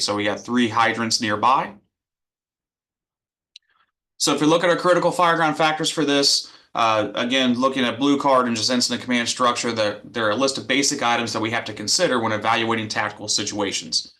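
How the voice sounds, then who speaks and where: Male fire instructor, bright forceful voice, medium pitch, methodical explanatory delivery. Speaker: fire training presenter. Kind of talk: explanatory incident review.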